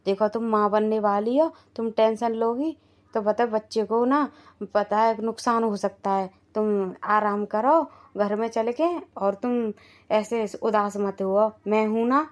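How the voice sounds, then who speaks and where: A woman's voice: mid-range voice, steady tone, unhurried, close to an everyday voice. A woman voicing a shameless, cheerful aging village husband in a cartoon. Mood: soothing. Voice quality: reassuring, unbothered. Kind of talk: cartoon dialogue.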